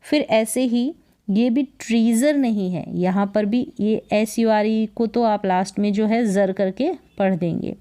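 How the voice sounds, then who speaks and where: A woman with a Hindi accent teaches spelling and pronunciation at an unhurried pace. Her voice is soft and mellow, and she repeats each syllable and asks her students what it says. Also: mid-range voice. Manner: breaks words into syllables, repeats each sound and asks rhetorical questions. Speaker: English reading teacher.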